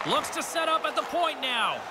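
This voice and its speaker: A man doing scripted play-by-play commentary for a hockey video game, brisk calls that rise on shots. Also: very high voice, sing-song, heavy background noise. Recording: game audio with loud music and crowd.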